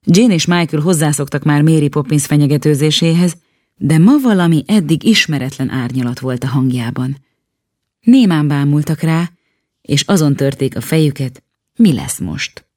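A woman reading a children's story aloud in calm, steady storytelling narration. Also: low-pitched, no room sound, clean studio sound. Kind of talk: audiobook narration.

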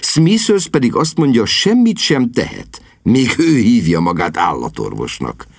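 A man's voice: mid-range voice, huge pitch swings, vocal fry, no room sound, heavily acted. A man reading an audiobook voices a vague, absent-minded elderly lord who grumbles peevishly. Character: vague, mild-mannered elderly lord, fond of pigs.

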